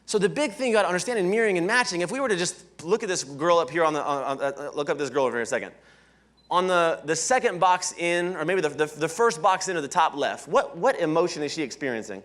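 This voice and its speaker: Man, high-pitched voice, sales leadership trainer, live seminar talk, energetic, asks the audience questions, conference hall. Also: quick pace. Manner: energetic, keeps checking in with "right?".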